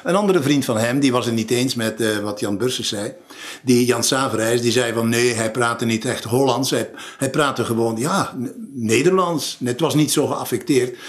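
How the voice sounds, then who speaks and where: A man's voice: mid-range voice, moderate pace. A man in an interview, recalling someone in a thoughtful, hesitant way. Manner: thoughtful, hesitant, restarts words. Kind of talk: reflective interview talk.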